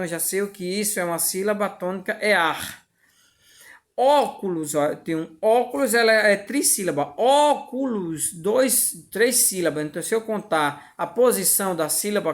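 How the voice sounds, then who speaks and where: A woman with a Brazilian Portuguese accent teaches a lesson at an unhurried pace. Her voice sits at an ordinary middle pitch. She repeats points patiently and keeps checking that her students follow. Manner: patient, repetitive, checks understanding often. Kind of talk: classroom lesson explanation.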